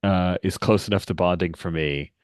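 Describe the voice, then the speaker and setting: A man's voice: deep voice, normal speed, clear, resonant tone, dry recording, studio quality. A man talking casually as game master of a tabletop game.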